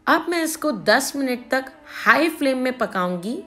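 A woman hosting a cooking channel, calmly narrating a recipe step by step. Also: sits high, unhurried, soft background music. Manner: calm step-by-step instruction. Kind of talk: recipe voice-over.

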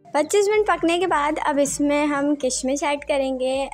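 A woman with a high, light voice talks through a recipe step by step. Her tone is calm and plainly instructional, like a cooking channel voice-over. Faint music plays softly underneath. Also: moderate pace.

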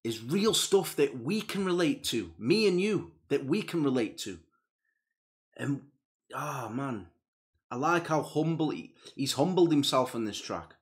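A young man's mid-range voice swings widely in pitch and moves a little slowly as he hosts a music reaction video. Sitting in a small room with a gaming chair and purple lights, he talks into a headset casually and eagerly, turning earnest for serious points.

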